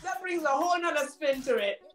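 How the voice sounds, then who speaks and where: A woman's voice: sits high, lively intonation, fairly quick, faint music behind. A woman co-hosting a casual talk show, chatty and playful, laughing often and talking straight to viewers.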